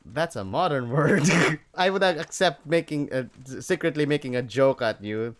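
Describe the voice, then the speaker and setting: A man's voice: fairly high pitch, expressive, normal speed. Playful man reading a game aloud. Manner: playful, jokey, breaks into loud yells. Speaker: let's play gamer. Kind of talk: reading a visual novel aloud.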